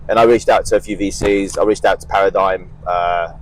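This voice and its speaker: A man's voice: deep voice, steady tone, brisk, a little hiss or hum, low-quality recording. A young man from Eastern Europe, a guest in a casual interview, talking bluntly with lots of swearing and self-mockery. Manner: blunt, profane, self-mocking.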